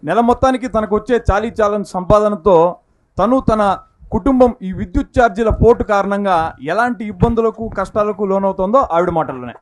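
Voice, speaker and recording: A man presenting a street play in loud, rhetorical street performer patter. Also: high-pitched, brisk. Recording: clearly noisy recording with clicks.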